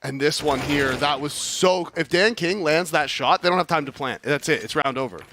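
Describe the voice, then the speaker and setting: A man's voice: a little high, moderate pace, bright, forceful tone, a little hiss or hum. A man casting esports live, explaining tactics and building suspense around each play. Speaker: esports caster.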